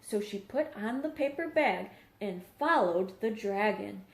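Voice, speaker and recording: Slow-paced woman reading to young children. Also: mid-range voice, expressive, gravelly. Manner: simple explanations, checks in with young listeners. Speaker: teacher reading to young pupils. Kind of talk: read-aloud storytelling with questions to children. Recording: roomy, echoing home recording.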